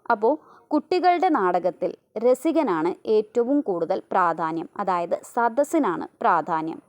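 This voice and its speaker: Woman, teacher, revision lesson, asks and answers her own questions, medium pitch. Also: expressive, measured pace.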